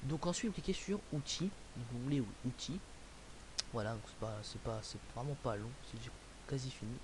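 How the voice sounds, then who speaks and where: Animated and fairly quick, a young man from France uses his mid-range voice to talk through a computer tutorial he's screen-recording. It's loose and rambling, with lots of fillers and restarts, and the home recording hisses.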